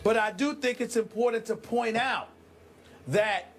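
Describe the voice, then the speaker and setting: A man's voice: high voice, measured pace, faint music behind. A man hosting a heated sports debate, emphatic and dramatic, stretching out key words.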